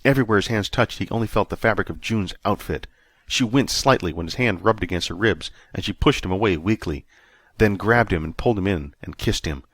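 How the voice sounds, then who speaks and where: Low-voiced male audiobook narrator. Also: fairly quick, fairly bright tone, no room sound. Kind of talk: scripted narration.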